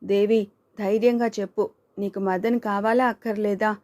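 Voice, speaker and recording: A woman's voice: medium pitch, steady tone, moderate pace, lightly acted. A woman voicing Kanchana, an outspoken young woman who scolds and urges her friend, in an audiobook reading. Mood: urging. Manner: scolding, urging, sharp retorts.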